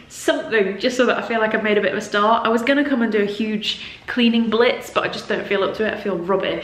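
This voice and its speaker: A young woman from northern England chatting casually to camera in a self-mocking way, her voice echoing like in a cave in an empty house. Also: on the high side. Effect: cave-like echo of an empty house. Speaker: vlogger. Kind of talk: casual vlog chat. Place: empty house, bare rooms indoors. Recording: echoey empty room, faint noise.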